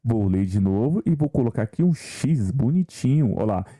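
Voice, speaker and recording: Very dark-voiced man teaching a lesson. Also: mid-range voice, lively intonation, normal speed. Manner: talks to viewers with many rhetorical questions. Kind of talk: online exam-prep lesson.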